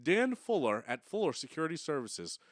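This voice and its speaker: A fairly high-pitched man with a Boston accent talks fast and with lots of swing in his pitch. He is blunt and crude, chatting casually and improvising plugs. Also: sing-song, no room sound, studio quality. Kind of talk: casual banter and ad-libbed plugs.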